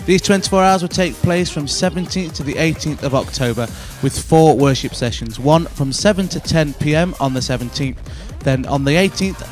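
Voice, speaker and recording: A young man presenting church news announcements into a handheld mic in a church café, earnest and friendly. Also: medium pitch. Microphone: handheld microphone.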